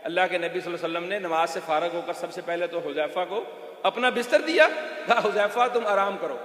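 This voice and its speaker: Pakistani Urdu male preacher, high voice, passionate sermon storytelling, long hall reverb. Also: fast talker, a bit bright. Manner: impassioned, rising to emphatic peaks. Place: mosque hall.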